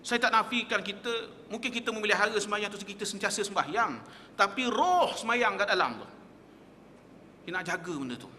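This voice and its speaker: A male religious teacher lectures in a small mosque hall with long reverb, his delivery tense and pushing. His high voice has lively intonation and a sharp tone, runs a little fast, and comes with a little hiss or hum. He speaks emphatically, poses rhetorical questions, and quotes Arabic texts.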